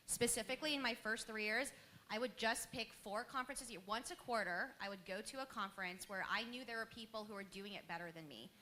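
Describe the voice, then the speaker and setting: A woman, speaking on a panel with lively storytelling and laughter. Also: on the high side, a little fast, a little hiss or hum. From Queens, New York. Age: 30s. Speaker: panelist, business owner. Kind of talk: panel talk to a live audience.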